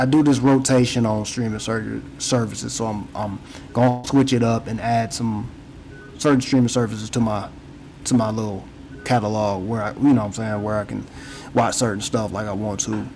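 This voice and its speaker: A man's voice: on the low side, a little mellow, slight background noise, poor audio. Rambling casual podcast host, a man. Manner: rambling, repeats words, frequent "you know what I'm saying". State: yawning, tired. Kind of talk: casual chat.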